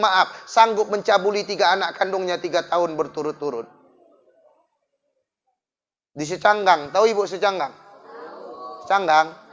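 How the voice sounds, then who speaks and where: Male preacher, lively storyteller who speaks straight to the crowd, slightly high voice, lo-fi sound. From Indonesia. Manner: lively, swings from loud to hushed, addresses the crowd. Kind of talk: sermon with storytelling. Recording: dull lo-fi sound.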